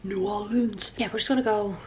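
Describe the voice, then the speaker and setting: This travel vlogger speaks briskly at medium pitch, chatting casually and expressively to a handheld camera at arm's length, with plenty of emphasis. The recording is noisy, picking up street and room background.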